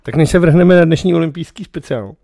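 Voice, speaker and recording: A man co-hosting a casual chat, full of banter and swearing. His voice sits a little high and has a gravelly edge. He leads the talk and loves a good anecdote. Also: dark tone. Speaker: podcast co-host.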